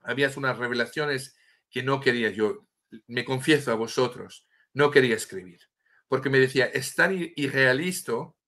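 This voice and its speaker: Calling in by webcam from a home room with a bookshelf and statue, a French guest author of middle age tells a story earnestly in Spanish. He speaks at a moderate pace in a sharp, medium-pitched voice with a French accent, frequently restarting words as he hunts for the right Spanish term.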